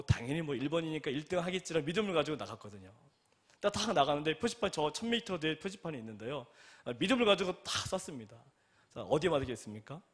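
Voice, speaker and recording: Young male preacher, animated storyteller, lively pitch and fairly high voice, drops to hushed asides and climbs to loud emphatic peaks. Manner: animated storytelling with rhetorical questions. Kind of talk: sermon with personal story.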